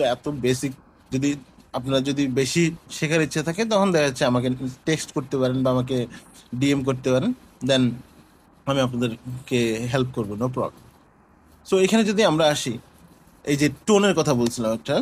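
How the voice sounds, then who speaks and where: Male tutor, casual and halting, self-correcting, mid-high voice, faint background hiss. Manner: mixes Bengali and English, halting with restarts and self-corrections. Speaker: language teacher. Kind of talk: casual online lesson.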